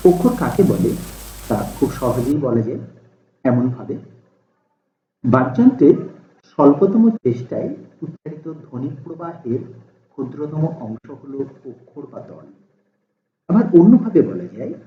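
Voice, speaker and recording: A man teaching a lesson, explaining slowly and deliberately, stretching out sample syllables to show how they sound. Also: fairly high pitch, very animated, dark tone, slight background noise. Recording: tinny, echoey phone-like sound.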